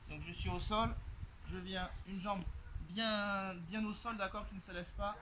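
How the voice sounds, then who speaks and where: A man's voice: sits high, fairly even intonation, a little slow, poor audio. A man coaching a home workout, explaining exercises as he demonstrates them and often checking in with "d'accord?". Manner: talks while moving through exercises, loud bursts on effort; frequent "d'accord?" checks and fillers. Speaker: fitness coach. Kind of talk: workout instruction while demonstrating. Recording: loud background noise.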